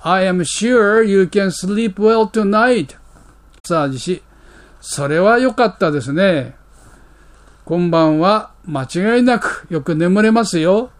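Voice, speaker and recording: Slow, high-voiced man teaching English phrases. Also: animated. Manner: reads English lines slowly, then explains quickly with fillers. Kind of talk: explaining English dialogue phrases in Japanese.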